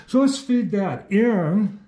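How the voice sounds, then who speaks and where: An older man talks slowly through a workshop demonstration, his voice mellow and a little higher than most men's. He rambles in a folksy way, full of fillers and restarts. He is recorded indoors in a small, cluttered home machine shop. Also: animated.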